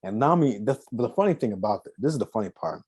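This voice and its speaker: A man's voice: medium pitch, expressive, quick pace, darkish tone, slightly rough. A man co-hosting a casual anime review podcast, laid-back and hesitant, with frequent ums and repeated words. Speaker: podcast co-host.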